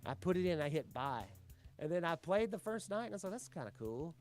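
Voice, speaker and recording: A man, a streamer guest, chatting casually in an interview and telling his story in an animated way, with the odd swear word. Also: sits high, fast talker, faint music behind.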